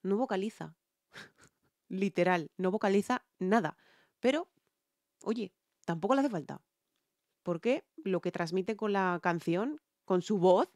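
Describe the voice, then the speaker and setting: A woman's voice: medium pitch, animated, measured pace, long pauses, a little mellow, no echo, studio quality. A young Spanish woman with an accent from Spain, a singer chatting through a song reaction and analysing the vocals, checking in with her viewers.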